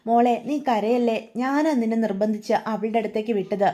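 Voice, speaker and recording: A gentle old grandmother, as a woman storyteller puts her on soothes and pleads in a slow, caring way. The tone is mellow and a touch high, part of a spoken family-drama retelling. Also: natural voice. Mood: soothing.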